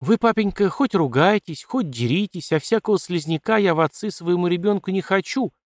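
A feisty, quick-tongued young woman, the daughter of a colonel, voiced by a male reader, pitched well above his usual voice and full of cheeky defiance. She answers back with pert, mocking confidence in a dry, close audiobook recording. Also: sing-song, no room sound. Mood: defiant. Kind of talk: audiobook character voice.

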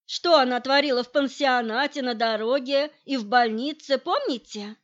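A woman's voice: high-pitched, moderate pace, highs cut off, natural voice. A woman reading the lines of an insistent man who reproaches his partner for hiding information. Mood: probing. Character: pushy man demanding shared information.

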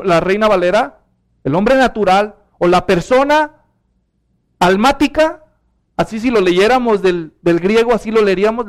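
A man leads an expository Bible study in a high, smooth, resonant voice. He explains step by step and keeps checking that his listeners follow along. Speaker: Bible teacher.

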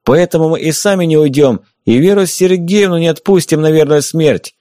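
A man voicing a calm, sarcastic blind male stalker in an audiobook, taunting and lecturing his companions and enemies. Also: mid-range voice, normal speed, no room sound, studio quality, voice pushed up. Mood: taunting loud. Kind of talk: audiobook character voice.

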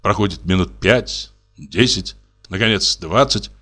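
A man calmly narrating a classic short story as an audiobook. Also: low-pitched, a little slow, soft background music.

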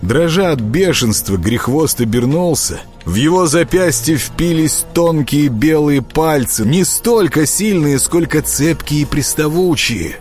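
A man reading a dark fantasy audiobook in an expressive, dramatic way. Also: a little high, a little slow, faint music behind. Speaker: audiobook narrator.

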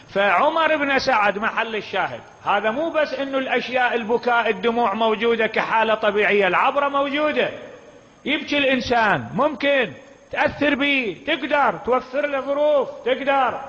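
A man's voice: high-pitched, fairly bright tone. A man with an Iraqi accent preaching an impassioned mourning sermon, firing off rhetorical questions at the gathering. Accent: Iraqi Arabic. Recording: dull, reverberant hall recording.

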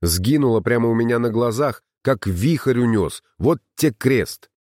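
A man doing a frightened shouting villager. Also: medium pitch, unhurried, no echo, studio quality, natural voice. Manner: excited, exclaiming.

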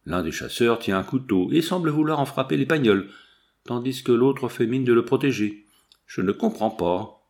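A man reading the part of a cautious lawyer who questions in a measured, dry way. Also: mid-range voice, animated, darkish tone, close to an everyday voice. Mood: puzzled. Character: cautious male lawyer, calm and puzzled.

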